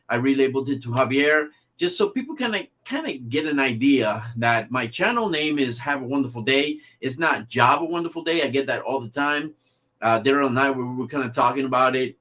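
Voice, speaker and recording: A man's voice: mid-range voice, fairly bright tone. A man hosting a casual livestream about theme park news, talking loosely with many fillers and restarts. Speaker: livestream host.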